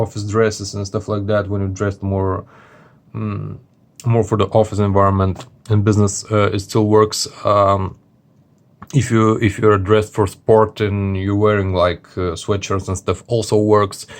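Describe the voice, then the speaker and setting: A man giving a casual, unscripted product review as a vlogger, speaking haltingly and often searching for his words. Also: on the low side. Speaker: watch reviewer.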